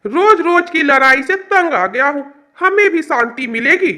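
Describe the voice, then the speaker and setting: A fed-up grown son in an animated story, talking in an exasperated, demanding way. The voice is high and bright for a man. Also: a little slow, full character voice.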